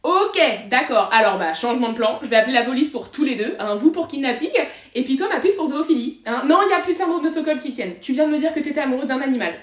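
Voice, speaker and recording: A woman playing a blunt, sarcastic female investigator who fires off loud, rapid questions. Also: high voice, lively intonation. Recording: echoey room.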